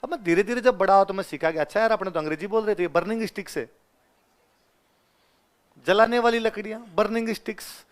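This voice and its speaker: A man in his twenties with a Rajasthani Hindi accent from the Ganganagar area, teaching a class and telling stories in an animated way, acting out the dialogue and laughing often. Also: sits high, a little fast, long pauses. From Rajasthan, India. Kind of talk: classroom lecture with anecdotes.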